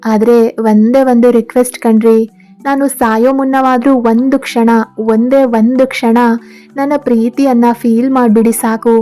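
A woman's voice: fairly high pitch, little pitch movement, measured pace, dark tone, faint music behind, natural voice. A woman voicing a devoted young man who earnestly pleads his love, in a read-aloud story. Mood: soothing. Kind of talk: storybook narration.

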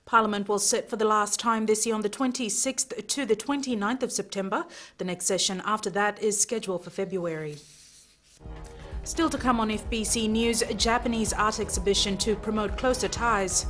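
A woman's voice: mid-range voice, moderate pace, a bit bright, soft background music. A young woman reading scripted news as an anchor. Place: television studio.

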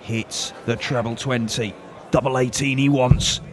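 A man commentating live on a darts match, calling the play with measured analysis. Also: mid-range voice, fairly even intonation. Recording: loud arena crowd and noise behind.

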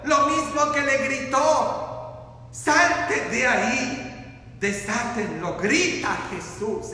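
Priest, man, high bright voice, slow impassioned sermon full of rhetorical questions; very roomy church reverb. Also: a little hiss or hum. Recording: echoey church with long reverb.

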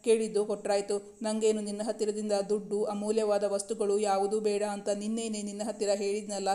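A woman's voice: mid-range voice, monotone, a little fast, mellow, natural voice. A woman reading the lines of a playful, affectionate young man who is the hero of a romance story. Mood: teasing. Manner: playful, affectionate, mock-stern.

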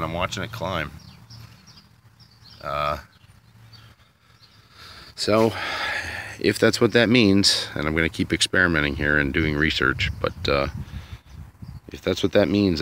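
Out in a sunny yard, a DIY vlogger with a bass voice that sounds slightly bright rambles uncertainly as he thinks aloud while recording on his phone. Some light background noise is audible.

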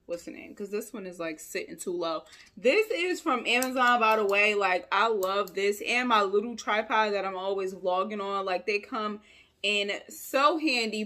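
A young adult woman, chatting casually and playfully to camera in her vlog. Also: medium pitch. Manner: chatty, animated, playful asides. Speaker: vlogger.

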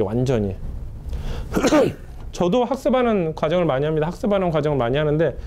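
A male lecturer in his forties talks through a business class at a brisk clip, dropping his voice to close each point. His pitch sits a little high and moves a lot, with a mellow, darker tone. A faint hiss runs under the classroom recording. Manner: emphatic, conversational, drops pitch at ends of points; paces back and forth while talking. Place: classroom in front of a whiteboard.

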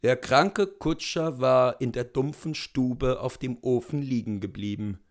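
Slow, measured male audiobook narrator. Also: medium pitch. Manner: slow, measured reading that lifts into voices for quoted speech. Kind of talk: literary audiobook reading.

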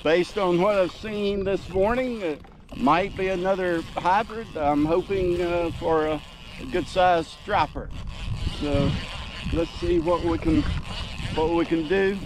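An older man narrating casually as he fights fish from a kayak on a lake, whooping with excitement, recorded on a mounted camera. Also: high-pitched, a little slow, a little hiss or hum. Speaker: fishing vlogger. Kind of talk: casual narration while fishing. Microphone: action camera mounted on kayak.

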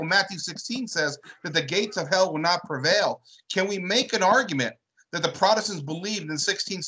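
Bright-voiced man discussing church history. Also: sits high, poor audio. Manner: thoughtful, builds questions with repeated "right?". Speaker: co-host. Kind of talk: casual religious discussion.

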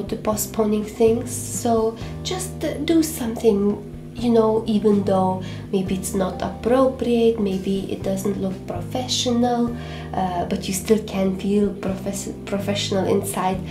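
In a small room at home, a hesitant young beauty vlogger from Lithuania chats to the camera in a medium-pitched voice. Fillers and restarts crop up constantly. The audio sounds roomy, and gentle music plays underneath.

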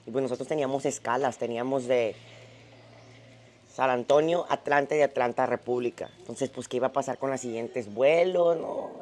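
A woman's voice: rumbling low, fairly quick, a little mellow. A woman, chatting and laughing as she tells a travel story while walking outdoors, on a lapel mic. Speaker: fitness vlogger. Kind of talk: casual travel vlog storytelling. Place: outdoors at a tropical resort.

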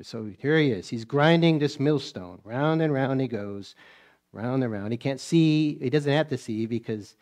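A man's voice: medium pitch, darkish tone. Male preacher, folksy sermon storyteller who acts out the scenes. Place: church.

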